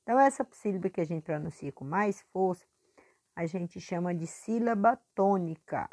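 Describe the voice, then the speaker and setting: A woman teacher recording a lesson review for her pupils, patient and clear, stretching words out to stress syllables. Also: lowish voice, lively intonation, normal speed, a little mellow.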